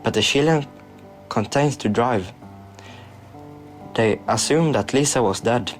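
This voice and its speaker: A man reading a story aloud, halting at times and restarting words. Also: medium pitch, faint music behind. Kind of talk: scripted story narration.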